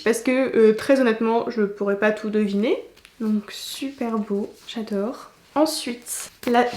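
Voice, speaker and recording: Woman, 20s, high voice, chatty unboxing vlogger, roomy echo. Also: darkish tone, slight background noise. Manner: chatty and enthusiastic, many exclamations. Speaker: booktuber. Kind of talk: casual unboxing chat.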